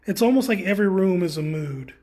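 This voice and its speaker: A man guiding a live tour through an indoor art exhibit, talking in a relaxed, rambling way with many fillers. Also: sits high, quick pace. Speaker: tour guide. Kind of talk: casual guided gallery tour.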